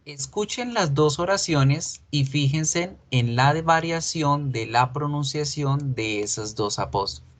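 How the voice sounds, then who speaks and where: A man teaching an English grammar class online. He explains patiently, asks the students questions, and repeats example sentences slowly so they can copy the pronunciation. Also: fairly high pitch, rough recording.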